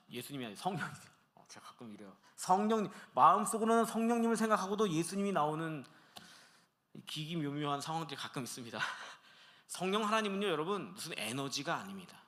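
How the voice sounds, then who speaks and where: A middle-aged man preaching a sermon as pastor, acting out everyday dialogue with animated delivery in a church. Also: fairly high pitch. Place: church sanctuary.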